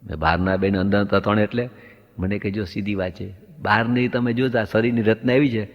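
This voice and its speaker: A man with a lowish, steady voice and a brisk pace does stand-up, recounting anecdotes and playing both roles in the dialogue leading to the punchline. It's captured as dull lo-fi sound with long hall reverb.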